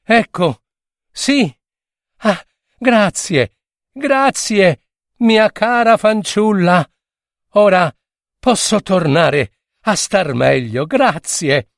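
A man voicing a sly, theatrical male dolphin with a high, exaggerated, sighing voice in a storybook reading. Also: lively intonation, very slow, long pauses, no room sound, studio quality, heavily acted. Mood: gushing. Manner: pleading, overacted, like a comedian.

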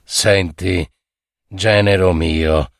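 A man voicing a rich old peasant farmer and poet, rough and stern in manner, in a dry, slow audiobook reading. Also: sits low, fairly even intonation, no room sound, pitched below the performer's own voice, exaggerated voice. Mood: coaxing.

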